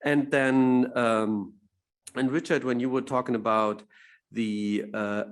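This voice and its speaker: A man moderating a discussion panel, halting and searching for words as he sets up questions. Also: mid-range voice, fairly even intonation.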